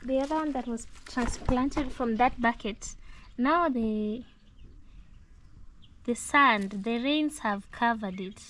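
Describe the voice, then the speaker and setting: Slow-talking woman touring her garden. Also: fairly high pitch, fairly bright tone, poor audio. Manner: chatty, musing aloud, admiring. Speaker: vlogger. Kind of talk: casual garden walkthrough. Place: outdoor garden compound. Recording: outdoor noise, birdsong.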